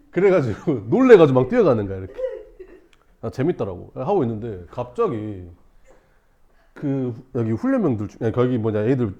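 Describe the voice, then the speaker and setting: A male teacher telling a class a story, acting out shouts and screams and laughing as he goes. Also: medium pitch. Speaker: math teacher.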